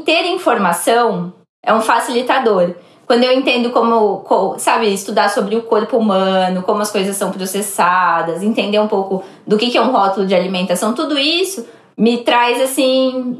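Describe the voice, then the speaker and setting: A Brazilian woman speaking as a podcast guest in casual explanatory chat, reflectively talking through examples, recorded with a roomy sound. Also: a little high. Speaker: podcast guest giving advice.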